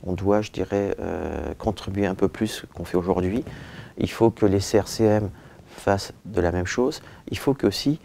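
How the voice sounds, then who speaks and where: Low gravelly man in an interview. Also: moderate pace, mellow, slight background noise. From born in Turkey, raised in France. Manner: frequent "euh" and "je dirais" fillers, hesitant then emphatic. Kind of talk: seated interview answers. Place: indoor office with bookshelves. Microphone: lapel mic.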